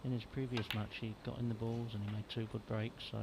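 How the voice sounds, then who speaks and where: A man's voice: lowish voice, little pitch movement, a little fast, background noise. A man giving conversational, slightly hesitant snooker analysis as a co-commentator. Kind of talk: informal live snooker analysis.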